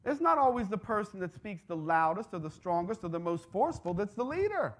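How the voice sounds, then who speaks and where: A woman's voice: medium pitch, sing-song, fairly quick. A woman preaching a sermon, emphatic and repetitive, calling out to the congregation and stressing her key words. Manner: emphatic, repeats phrases, calls out to the congregation.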